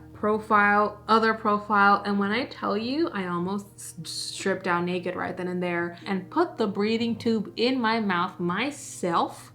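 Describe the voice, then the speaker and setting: A young woman in her twenties telling a personal story to camera in a casual, animated way while doing her makeup. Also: medium pitch. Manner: chatty, animated, addresses viewers as guys. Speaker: beauty vlogger.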